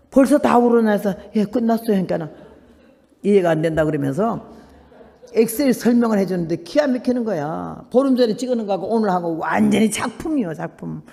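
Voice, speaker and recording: An elderly woman in her eighties gives a testimony sermon as a missionary preacher, telling her story with lively, dramatic swings of voice as she acts out each person. Her voice carries a long reverb, as if ringing through a large hall. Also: vocal fry. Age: 80s. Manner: animated storytelling, acting out quoted people with big swings in pitch and loudness.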